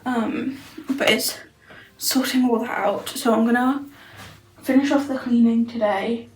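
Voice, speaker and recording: A woman's voice: on the high side, fairly even intonation, a little slow, reverberant, low-quality recording. A young woman vlogging casually from a bedroom, rambling through her plans with lots of fillers. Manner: rambling, filler-heavy, thinking aloud. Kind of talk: casual vlog chat. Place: bedroom indoors.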